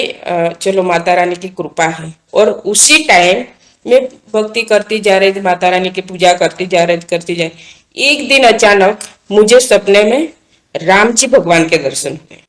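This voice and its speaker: A woman's voice: medium pitch, unhurried. An earnest woman speaks as an interview guest, recounting a personal faith experience in plain, casual talk. She circles back over her own words, repeating and restarting phrases as the story unfolds.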